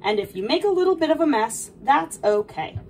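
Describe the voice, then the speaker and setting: A woman's voice: high voice, animated, brisk. A young woman playing a sweet, cheerful video game princess, explaining baking in a dainty, encouraging, instructive way. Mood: gentle, instructive. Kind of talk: in-character cooking tutorial. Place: small home kitchen, indoors. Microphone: camera a few feet away. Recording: distant mic, noticeable background noise.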